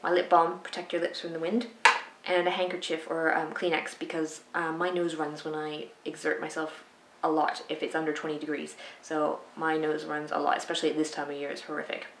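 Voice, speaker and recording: A woman in her thirties talks casually to camera, pitched a little low, chatty and full of asides. She sits in a bright home room that rings with echo. A steady hiss of noise sits under the voice. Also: brisk. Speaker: cycling vlogger. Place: sunny home room with shuttered window. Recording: echoey room with audible noise.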